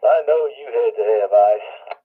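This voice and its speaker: A man running a ham radio check-in net as net control, heard as a radio transmission with static, slow and easygoing. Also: fairly low pitch, breathy edge. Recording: tinny narrow radio signal.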